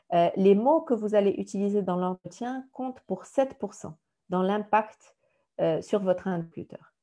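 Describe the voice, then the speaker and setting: A woman with a Moroccan French accent leads an online job-interview workshop. Her voice is warm and mellow, sitting at a middle pitch. She teaches methodically, numbering each point. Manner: didactic, enumerating points, acts out recruiter lines. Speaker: career workshop trainer.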